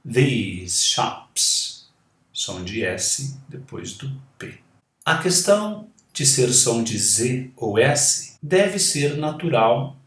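Slow, lively Brazilian man teaching. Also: mid-range voice, reverberant. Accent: Brazilian Portuguese. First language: Portuguese. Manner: models words slowly and repeats them. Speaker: English teacher. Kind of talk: slow, deliberate grammar lesson.

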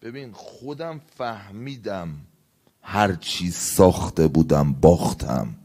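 A man preaching a sermon, telling a story with acted dialogue and swinging from hushed tones to loud outbursts. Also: low-pitched, expressive, vocal fry. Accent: Iranian Persian.

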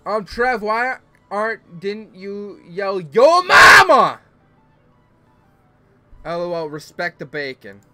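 A man hosting a game livestream, chatting casually and bursting into playful mock-outraged yelling for his chat. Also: high voice, measured pace, few pauses, faint music behind. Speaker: gaming livestream host.

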